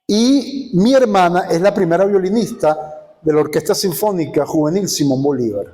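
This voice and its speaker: A man's voice: high voice, lively intonation, moderate pace, mellow. A man voicing a toothless, homeless young man, drugged and wasting away, who rambles in a pleading confession. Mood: boastful. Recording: long hall reverb.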